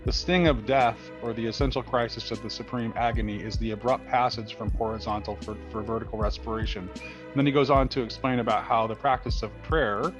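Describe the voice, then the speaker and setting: A man in a conversational discussion, reading passages aloud and explaining them. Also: lowish voice. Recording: dull lo-fi sound, music behind. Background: music.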